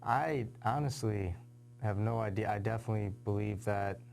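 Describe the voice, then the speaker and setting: Young man, low gravelly casual answers. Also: normal speed, darkish tone, a little hiss or hum. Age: young adult. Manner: casual, lots of "you know" and "kinda". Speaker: high school athlete guest. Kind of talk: TV interview answers.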